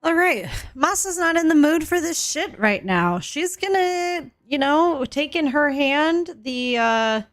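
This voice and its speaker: A woman's voice: high-pitched, expressive, unhurried, hardly any pauses, no echo, studio quality. A female player at a tabletop game, casual and swearing.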